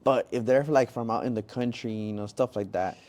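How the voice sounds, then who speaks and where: Mellow-voiced man rambling with lots of "bro". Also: medium pitch, brisk. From Mexican-American family. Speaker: podcast co-host. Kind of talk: casual podcast chat.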